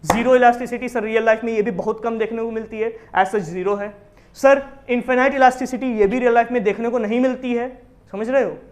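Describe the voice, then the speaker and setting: A man teaching a commerce class, explaining with lively questions to his students. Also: very high voice, a little fast. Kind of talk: classroom lecture in Hindi with English terms.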